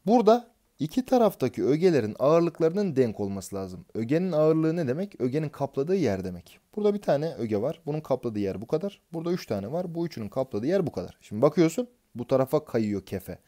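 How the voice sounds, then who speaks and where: A man's voice: fairly high pitch, very animated, fairly quick, hardly any pauses, dark tone. A man teaching an exam prep lesson, explaining concepts step by step and answering his own questions as he goes.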